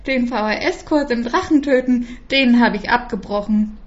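A woman's voice: a little high, measured pace, lo-fi sound, close to an everyday voice. A woman voicing a cheerful, coaxing young prince. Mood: confident. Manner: coaxing, gentle, confident. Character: clever, cheerful young prince, patient charmer.

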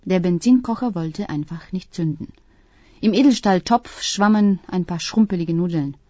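Woman narrator for an audiobook, lowish warm voice, calm and even, dull dry recording. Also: moderate pace, dry recording. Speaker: audiobook reader. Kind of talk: scripted literary narration. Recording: dull, dry close-mic sound.

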